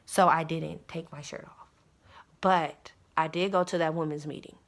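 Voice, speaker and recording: A woman's voice: low voice, steady tone, moderate pace. A mother telling a personal story in a casual vlog, earnest and insistent, often speaking straight to her viewers. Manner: earnest, insistent, with many fillers and direct address to viewers.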